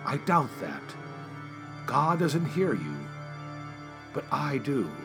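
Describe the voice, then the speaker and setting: An actor playing a sinister devil who tempts the desperate, speaking slowly and calmly with quiet menace, in an audio drama. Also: male voice, mid-range voice, gravelly, over music, full character voice. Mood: menacing. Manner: slow, calm, quietly menacing.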